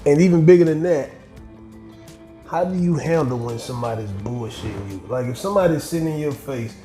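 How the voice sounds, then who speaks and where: A middle-aged man hosting a podcast, talking bluntly with lots of profanity and animated storytelling in casual chat. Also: mid-range voice, brisk. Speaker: podcast host. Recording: echoey room with faint music.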